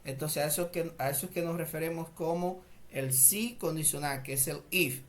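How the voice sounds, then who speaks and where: A man whose first language is Spanish, teaching an English grammar lesson slowly and deliberately, repeating phrases and often clearing his throat. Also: fairly high pitch.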